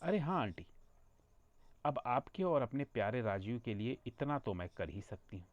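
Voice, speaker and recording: A man's voice: mid-range voice, lively intonation, normal speed, no echo, muffled recording, natural voice. A man voicing a polite young woman who speaks a little hesitantly to her older neighbor.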